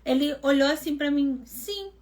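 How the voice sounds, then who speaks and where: A woman mentor hosting a live devotional, telling a personal testimony in a lively, conversational way and acting out what people said. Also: high-pitched, moderate pace. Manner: animated storytelling, acting out quoted dialogue; conversational, addresses listeners as gente.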